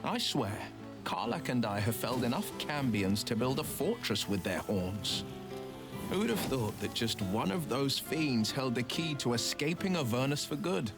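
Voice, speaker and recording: A man's voice: medium pitch, animated, moderate pace, lightly acted. An actor playing a devoted male hero companion in a game, speaking tenderly and reflectively. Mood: warm. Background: music.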